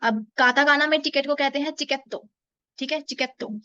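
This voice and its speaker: High-voiced woman teaching slowly. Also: fairly even intonation, pushed and bright, dry recording, muffled recording. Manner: explains patiently, repeats words slowly and drawn out. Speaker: Japanese language teacher. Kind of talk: explaining a beginner lesson in Hindi-English mix.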